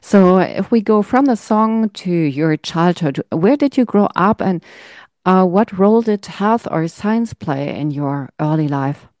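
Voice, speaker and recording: Low-voiced woman interviewer, dry sound. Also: animated, a little slow, darkish tone, dry recording. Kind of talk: conversational interview.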